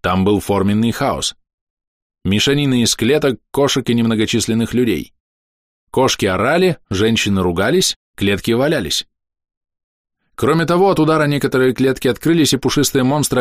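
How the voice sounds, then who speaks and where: A man narrating a first-person fantasy audiobook with an expressive, lively reading. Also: medium pitch, brisk, no room sound, studio quality.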